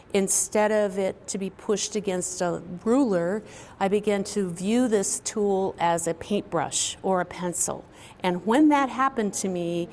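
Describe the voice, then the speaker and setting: Middle-aged woman artist, thoughtful and unhurried, mid pitch, faint hiss behind. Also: a little mellow. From Kansas, US Midwest. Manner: reflective, conversational, with pauses and fillers. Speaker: quilt artist. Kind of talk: recorded artist talk. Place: indoor studio, quilt hanging behind her.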